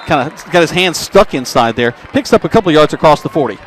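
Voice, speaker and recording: A man calling a high school football game play by play for radio, in brisk descriptive calls. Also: animated, a bit bright. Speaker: play-by-play announcer. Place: high school football stadium press box. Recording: crowd noise at stadium.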